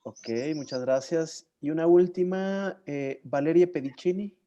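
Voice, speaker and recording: Mellow-voiced man hosting an online session. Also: fairly high pitch, measured pace, lo-fi sound. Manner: courteous, hesitant, introduces people. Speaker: session moderator.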